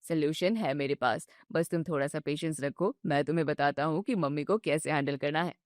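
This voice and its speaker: A woman voicing a young husband who calmly soothes his upset wife. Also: fairly quick, dry recording, studio quality, lightly acted. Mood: soothing. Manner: low, soothing and patient. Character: young husband, calm peacemaker between wife and mother.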